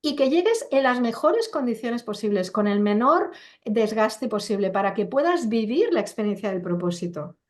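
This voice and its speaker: A woman's voice: a little high, sing-song, moderate pace, a little mellow. A middle-aged woman, speaking as a coach and interview guest over a computer video call, emphatic and full of rhetorical questions. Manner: acts out quoted voices while explaining. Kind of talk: casual conversational interview.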